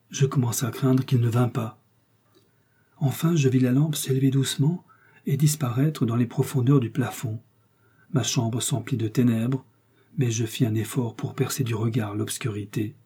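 In this audiobook, a man reads a vengeful young noblewoman with dark, husky tones. She speaks in an impassioned, dramatic way and stays defiant throughout. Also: medium pitch. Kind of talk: audiobook reading.

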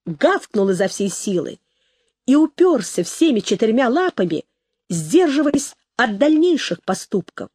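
A woman reading a story aloud in an expressive, dramatic way. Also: a little high, breathy edge, no room sound, clean studio sound. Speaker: narrator. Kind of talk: audiobook reading.

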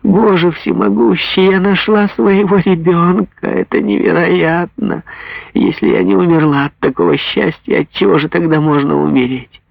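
A man's voice: sits high, steady tone, moderate pace, vocal fry, no room sound, pitched above the performer's own voice, heavily acted. A man doing a frantic old recluse mother. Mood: overjoyed. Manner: pleading, swinging between rapture and terror. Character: distraught middle-aged mother, an old recluse. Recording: dull lo-fi dry recording.

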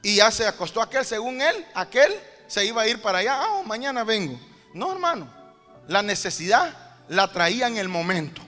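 A male preacher tells a parable in a lively sermon, voicing its characters as he goes. His voice sits very high and sounds bright and forceful. The sound carries a long church-hall reverb with faint music underneath. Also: normal speed. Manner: animated storytelling, acting out the parable's characters; addresses the congregation as "hermano".

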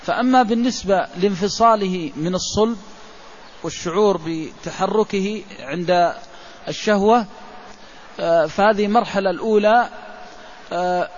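High-voiced man giving a religious lecture. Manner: measured, explanatory, pauses with drawn-out fillers. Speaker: religious scholar teaching jurisprudence. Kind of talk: classical religious lecture explaining a legal text. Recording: dull lo-fi recording with faint hiss.

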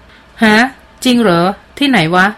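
A woman's voice: unhurried, a bit bright, close to an everyday voice. A woman voicing an earnest, anxious young man. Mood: alarmed. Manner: blunt, anxious, pressing questions.

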